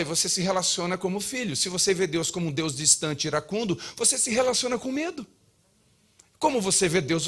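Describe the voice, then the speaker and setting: A man's voice: a little high, fairly bright tone. A man preaching a sermon as pastor, emphatic and humorous. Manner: humorous, acts out dialogues. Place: church.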